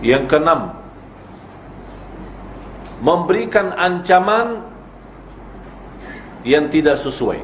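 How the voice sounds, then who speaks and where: Man, preacher, fairly high pitch, roomy echoey sound. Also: very animated, drawn-out words, pauses often, fairly bright tone. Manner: lecturing with quoted example lines. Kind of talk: religious lecture. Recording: echoey hall with faint noise.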